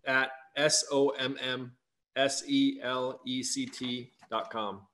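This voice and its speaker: A man's voice: mid-range voice, flat delivery, slow pace, pushed and bright. A man making a casual webinar announcement as an organiser.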